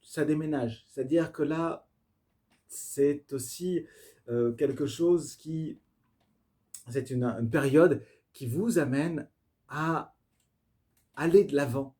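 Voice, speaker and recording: A man giving an improvised tarot reading to camera, effusive and spiritual, speaking straight to his viewers and often pausing to search for words with fillers and restarts. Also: a little high, dark tone. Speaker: tarot reader.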